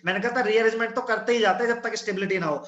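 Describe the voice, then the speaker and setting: A high-voiced man teaching chemistry over an online class, blunt and teasing with his students. His voice booms back with a cave-like echo from the room. The sound is dull and muffled. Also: very fast, fairly bright tone. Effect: echoing voice, like in a cave. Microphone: no earphones, device mic.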